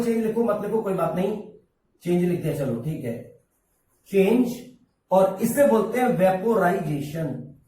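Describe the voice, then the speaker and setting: High-voiced teacher in an echoey room. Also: male voice, a little mellow, distant mic. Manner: slow, repeats key terms, asks and answers his own questions. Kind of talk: classroom lesson.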